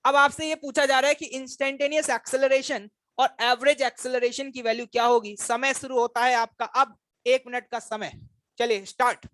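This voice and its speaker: High-voiced teasing male physics teacher. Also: steady tone, moderate pace, pushed and bright, dry recording. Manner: quizzes and teases students, addresses them as brothers. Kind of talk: classroom lecture. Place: classroom with students.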